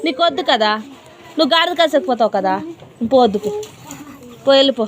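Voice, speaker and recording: A woman's voice: high voice, lively intonation, quick pace. A woman tuition teacher, scolding and teasing a crying child. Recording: noisy room with children around.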